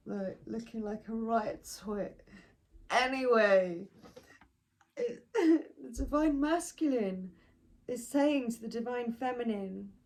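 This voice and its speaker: A woman giving a spiritual tarot card reading in a slow, soothing way, sometimes dropping into soft asides. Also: a little high, animated, rough recording.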